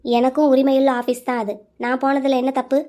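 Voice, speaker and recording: A woman's voice: sits high, flat delivery, brisk, lightly acted. A woman voicing a protective older sister in a cartoon drama, scolding her younger brother bluntly. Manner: scolding, forceful.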